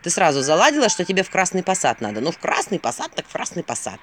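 A woman's voice: fairly low pitch, huge pitch swings, quick pace, fairly bright tone, slight background noise. A woman voicing a sarcastic, grumbling male owl who mocks his companion in a dry tone. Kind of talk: audiobook character voice.

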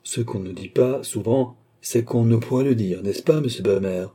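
A man with a dark, husky voice reading a haughty, teasing queen in an audiobook, raising his voice a little for her. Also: medium pitch, normal speed. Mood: mocking. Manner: teasing, laughing, grand. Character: haughty, mocking adult woman queen.

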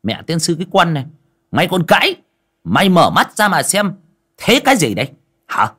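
A man's voice: fairly high pitch, huge pitch swings, normal speed, fairly bright tone, slightly rough, pitched above the performer's own voice, exaggerated voice. A man voicing an angry old master who curses and scolds his servant. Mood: angry scolding. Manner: bellowing, cursing. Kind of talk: audio folk story narration.

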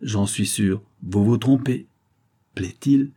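A man voicing a guarded, patronizing middle-aged farmer who speaks slowly, in an audiobook. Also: on the low side, dark tone, husky. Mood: wary. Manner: patronizing, slow.

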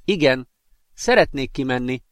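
A curious young woman from Earth, read by a man in a spoken storybook. She speaks thoughtfully at a middling pitch, and the recording is dry. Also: lively intonation, no room sound, lightly acted. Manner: thoughtful, quiet.

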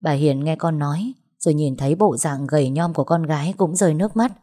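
A woman reading a family drama aloud as narrator, voicing every character herself in an even tone. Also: deep voice, a little fast. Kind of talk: storytelling narration with acted dialogue.

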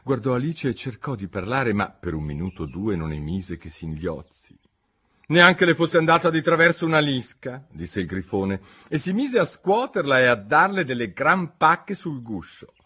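A man reading a storybook aloud in an expressive, theatrical, unhurried way. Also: lowish voice, husky. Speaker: narrator, translator reading his own translation. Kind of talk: audiobook reading.

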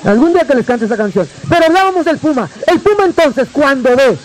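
A man with a Mexican accent telling a folk tale to a live audience, with dramatic drawn-out repetitions and joking asides. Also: very high-pitched, lively intonation, low-quality recording. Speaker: storyteller. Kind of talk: live oral storytelling.

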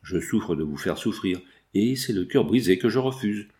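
A man voicing a young fiancé, earnest and anguished, in a low voice. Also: animated, normal speed, dark tone, close to an everyday voice. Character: young fiancé, torn and indignant, proud.

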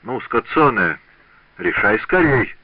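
A cold, menacing master craftsman, played by a male reader, threatening quietly. His speech swings lively in pitch over a dry, dull audiobook sound. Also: slow, no echo.

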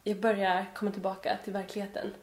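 A woman's voice: mid-range voice, flat delivery, echoey room, faint music behind. A woman co-hosting a podcast, chatting casually with dry, joking reactions. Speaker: podcast co-host. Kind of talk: casual chat.

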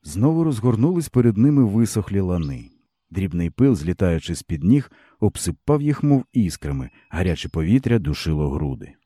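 A man reads a literary story aloud in a steady, measured way. His voice is very low and dark, with a husky grain, and it moves expressively through the lines. The recording is close and dry. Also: no room sound. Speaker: narrator. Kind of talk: audiobook narration of a literary story.

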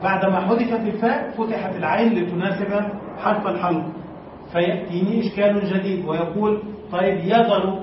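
A male teacher gives a classroom lecture, quizzing his students and then answering the questions himself as he repeats word forms. His voice sits high and is heard from a distance. The recording is dull and lo-fi, with heavy room echo. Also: slight background noise. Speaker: sheikh teaching Arabic morphology.

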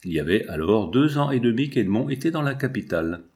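A man narrating a classic literary text in a measured, expressive reading. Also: medium pitch. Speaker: audiobook narrator.

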